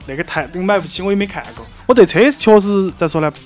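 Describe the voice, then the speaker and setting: A man's voice: sits high, fast, over music. A man with a Sichuan accent chatting casually and explaining things in colloquial speech. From Chengdu, China. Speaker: guest who studied in Australia. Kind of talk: casual chat.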